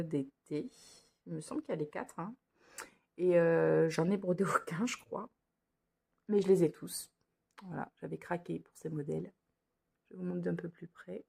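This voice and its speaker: Lady doing a cross-stitch vlog at home, slow and hesitant, lots of ums, soft warm low-ish voice. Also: creaky. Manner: hesitant, many fillers and restarts. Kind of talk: casual show-and-tell vlog. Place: indoors at home under a lamp.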